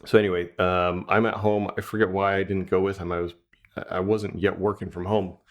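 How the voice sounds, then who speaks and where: A man's voice: low-pitched, flat delivery, a little fast. A man hosting a radio show, telling a family story in a casual, chatty way and acting out the quotes. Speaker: radio show host, estate planning lawyer.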